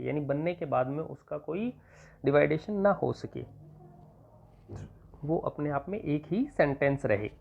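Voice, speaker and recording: A male teacher from Rajasthan giving an exam-prep grammar lesson, patiently repeating points and dictating examples slowly. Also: a little high, vocal fry. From Rajasthan, India. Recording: tinny phone-like sound.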